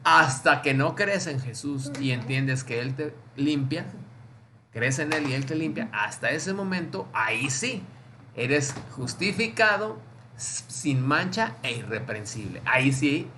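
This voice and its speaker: Bright-voiced Mexican man leading Bible study. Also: mid-range voice, animated, a little slow, slight background noise. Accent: Mexican Spanish. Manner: explains with little acted dialogues, checks understanding often. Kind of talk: informal Bible study teaching.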